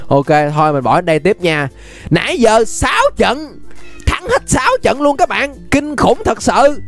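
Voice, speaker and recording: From a webcam setup in an indoor room, a high-pitched young adult man with a Southern Vietnamese accent gives casual gameplay commentary as a YouTube host. He is playful and exclamatory.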